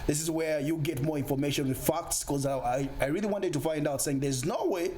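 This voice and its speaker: A man's voice: a little high, fairly quick, dark tone, a little hiss or hum. A man hosting a casual interview, probing with questions and repeating words as he starts them. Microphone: video call.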